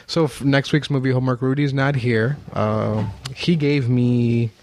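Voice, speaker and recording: A man's voice: medium pitch, steady tone, a little slow, darkish tone, a little hiss or hum. A man hosting a film podcast in casual chat, laid-back and laughing often. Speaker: podcast host.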